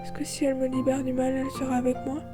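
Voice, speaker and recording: A woman narrating a first-person audio fiction in a soft, melancholic way. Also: high voice, completely flat delivery, fast talker, music in the background.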